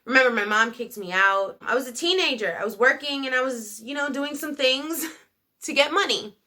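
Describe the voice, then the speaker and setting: A woman, probably in her thirties, hosting a casual storytime vlog in a chatty, animated, slangy way, speaking straight to viewers. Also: high-pitched, normal speed. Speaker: video channel host.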